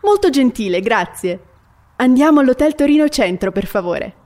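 A woman's voice: high voice, lively intonation, normal speed, a little mellow. A woman voicing a polite traveler who asks for directions in a scripted language-lesson dialogue. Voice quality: grateful, polite. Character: polite young adult female traveler asking directions. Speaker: traveler at an airport.

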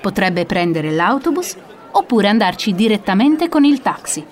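A polite female airport information clerk, played by a woman in a scripted language-lesson dialogue. Her pitch moves up and down a lot as she gives directions. She stays courteous and helpful throughout. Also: very animated, moderate pace, close to an everyday voice.

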